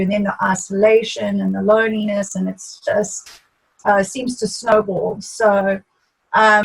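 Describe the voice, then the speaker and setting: A woman with a husky, unpolished voice at a medium pitch hosts a conversational interview. She talks haltingly, pausing and filling gaps as she works through her thoughts on a video call. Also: rough recording. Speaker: host.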